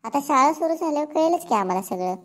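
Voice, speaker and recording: Woman voicing a teasing cartoon teen girl, blunt, needling, higher pitch. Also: expressive, fast. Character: sharp-tongued teenage village girl. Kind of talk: cartoon dialogue.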